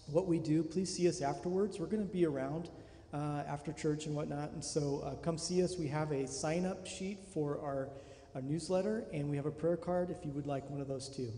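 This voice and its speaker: A middle-aged missionary man speaks earnestly into a handheld mic and stumbles over his words. His tone is mellow and a bit high for a man. The sound rings around a roomy, reverberant church with a faint hiss behind it. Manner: earnest, halting, repeats words. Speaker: missionary pilot. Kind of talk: church guest address. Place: large church sanctuary. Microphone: handheld microphone. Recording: echoey church hall with faint noise.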